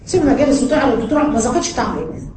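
A high-voiced woman with an Egyptian accent gives a lively religious lesson, slipping into quoted voices with light laughs. She rattles along at great speed. The sound is roomy, with clear background noise behind her. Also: rapid-fire. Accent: Egyptian Arabic. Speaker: religious teacher.

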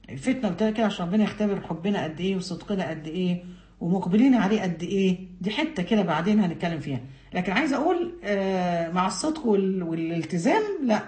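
A woman's voice: medium pitch, darkish tone. A woman with an Egyptian accent giving a religious lesson, speaking earnestly and directly to her women listeners. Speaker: religious teacher. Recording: roomy echo.

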